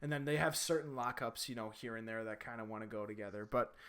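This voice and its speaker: A man's voice: medium pitch, quick pace, a bit bright, smooth. Chatty rambling male podcast host. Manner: chatty, rambling, lots of fillers. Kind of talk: casual chat.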